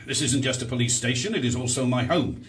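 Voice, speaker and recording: An actor playing a grumpy, sarcastic middle-aged police sergeant in a radio drama, gruff and bossy. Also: male voice, medium pitch, fast.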